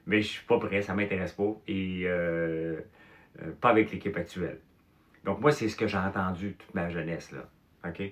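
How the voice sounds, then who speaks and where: A Québécois man in his fifties or older, telling childhood stories in casual chat, animated, with mild swearing and filler words. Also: low voice, moderate pace. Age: 50s or older. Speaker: host.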